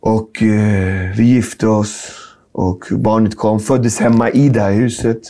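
A middle-aged man, telling a personal story in a casual conversation, animated and full of slang and fillers. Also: lowish voice. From Sweden. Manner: animated, acts out dialogue, street slang, lots of filler. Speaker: guest.

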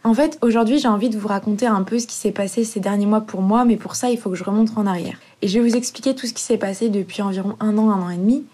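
A woman in her twenties with a slightly husky voice, rambling casually and slangily as a solo podcast host, recorded on a phone dictaphone in a bedroom. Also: mid-range voice, fast, hardly any pauses, mellow. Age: 20s. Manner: informal, rambling, slangy with English words mixed in. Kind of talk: casual solo podcast monologue, chatty storytelling. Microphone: phone dictaphone resting on laundry basket on a bed.

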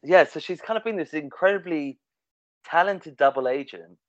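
A man's voice: on the high side, moderate pace, dry recording. Hesitant man, dull dry recording. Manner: hesitant, many fillers and restarts. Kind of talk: casual discussion.

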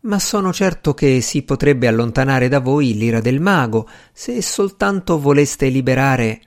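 A man's voice: medium pitch, expressive, unhurried. A man playing a cautious, solemn servant. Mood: solemn, careful. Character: earnest, cautious male servant choosing his words.

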